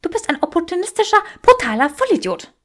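A woman voicing a furious, sharp-tongued young witch in a fan fiction audiobook, snapping back in a high, shrill voice. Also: sing-song, fast, heavily acted.

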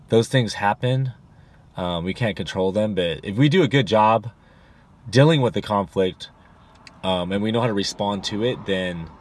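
Low-voiced man talking in his car. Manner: rambling, full of fillers and restarts. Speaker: rideshare driver vlogger. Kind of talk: casual advice talk to camera. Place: inside a parked car. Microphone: camera on the dashboard.

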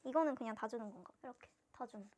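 A woman's voice: on the high side, rapid-fire, darkish tone. A young woman gushing and gasping as she unboxes albums in a casual vlog. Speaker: fan vlogger unboxing albums.

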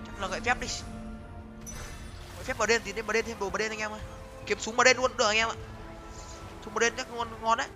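A young man giving excited live commentary on his game, talking to viewers and repeating words in quick bursts. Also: high-pitched. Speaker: game streamer. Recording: music playing behind voice.

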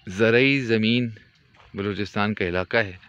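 A man gives calm, devout, descriptive commentary while walking a foggy rural track, filming on a handheld phone. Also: on the low side, a little slow, clear, resonant tone, dull audio.

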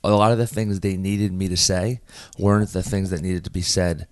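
A man with a very deep voice talks through his stories as an interview guest, loose and animated, full of "like" and quick restarts. The sound is close and dry, with no room around it. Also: no room sound. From United States. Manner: animated, many fillers and restarts. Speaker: guest, performer and host. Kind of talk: casual interview storytelling.

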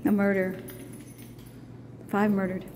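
Walking the courthouse hallways, a middle-aged vlogger narrates into her handheld phone in a mid-range, monotone voice, taking her time. Her talk is casual, with curious and teasing questions. Echo fills the hallway, and the background is noisy.

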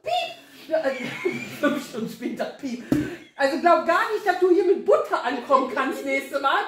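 A woman's voice: sits high, expressive, normal speed. A woman co-hosting a casual chat among friends, laughing often and stumbling over fillers. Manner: laughing, hesitant with many fillers. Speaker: co-host. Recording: echoey room.

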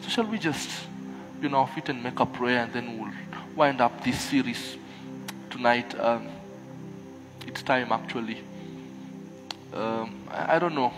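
A man's voice: medium pitch, unhurried, pauses often, over music, poor audio. A middle-aged man with an East African accent preaching a church sermon, exhorting with rhetorical questions and repeated refrains. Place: church hall, speaking from a pulpit on stage.

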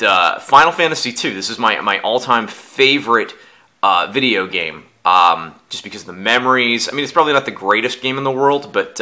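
A man chatting casually for an unboxing vlog, groggy and halting as if he just woke up. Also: on the low side, sharp tone. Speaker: YouTube vlogger.

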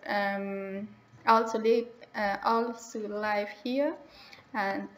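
A teenage girl from Afghanistan, speaking English haltingly and pausing often to search for words. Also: mid-range voice, steady tone, echoey room, rough recording. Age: teens. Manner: hesitant, searching for words, many pauses. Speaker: young migrant speaking about herself. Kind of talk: halting personal monologue in a second language.

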